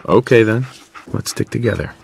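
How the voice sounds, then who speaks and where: A man playing a friendly, calm survivor hero in a video game, plain-spoken and easygoing. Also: fairly low pitch, normal speed, vocal fry, background noise.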